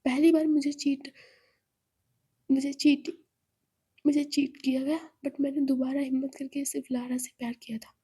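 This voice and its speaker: A woman's voice: high voice, little pitch movement, moderate pace, pauses often, dark tone, lightly acted. A woman reading as Ayesha, a heartbroken young woman. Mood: pained. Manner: urgent, pleading, half-whispered.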